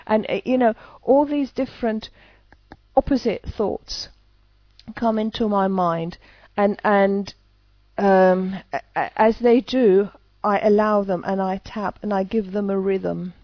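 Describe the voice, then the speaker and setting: A woman's voice: mid-range voice, slow, no room sound, highs cut off. A woman, an EFT practitioner, talking casually to camera with many hesitant restarts.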